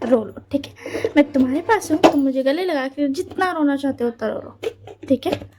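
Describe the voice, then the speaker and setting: A woman voicing a caring older young man who gently soothes and teases his partner. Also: high voice, moderate pace, heavy background noise, natural voice. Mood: soothing.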